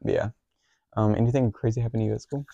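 A man's voice: medium pitch, steady tone, quick pace, creaky, mellow, highs cut off, a little hiss or hum. A teenage boy co-hosting a podcast, telling school stories in a rambling way with lots of fillers. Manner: rambling with many fillers and restarts. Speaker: podcast co-host. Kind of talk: casual chat, storytelling.

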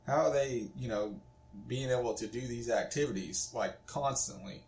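In an echoey room, a man in his twenties co-hosts a casual podcast with a medium-pitched, darkish voice at a moderate pace. He tends to ramble, fills his speech with fillers, and breaks into laughter easily.

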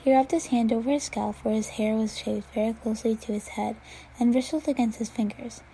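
Woman reading fan fiction aloud, mellow tone. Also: on the high side, a little fast, vocal fry, a little hiss or hum, rough recording. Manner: steady reading with occasional slips and restarts. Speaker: reader.

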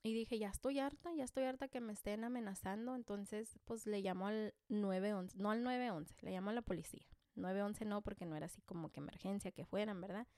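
A woman's voice: medium pitch, fairly quick, hardly any pauses, darkish tone, no echo, studio quality. A woman with a Mexican accent, a mother telling a personal story to camera in a casual, joking and self-deprecating way, full of slang.

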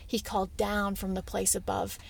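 A woman telling a story aloud on a podcast, with dramatic pauses and casual asides. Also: mid-range voice, monotone, gravelly, husky. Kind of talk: oral storytelling.

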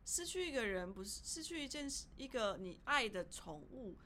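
A woman co-hosting a podcast in a casual, heartfelt chat with a Taiwanese Mandarin accent, halting and repeating words as she speaks. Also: a little high, sing-song, pushed and bright, a little hiss or hum. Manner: emotional, halting, repeats words when upset. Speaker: podcast co-host.

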